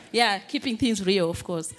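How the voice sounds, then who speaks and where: Chatty Zimbabwean woman telling a story. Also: medium pitch. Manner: chatty, laughs often, rambling. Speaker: audience member. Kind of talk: telling a personal story at a public panel. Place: large hall with an audience. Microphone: handheld microphone.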